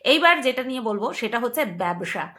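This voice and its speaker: A woman's voice: a little high, animated, fairly quick, bright, forceful tone. A woman vlogger chatting casually to her viewers, emphatic and playful, repeating words and laughing often. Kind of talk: casual commentary to camera.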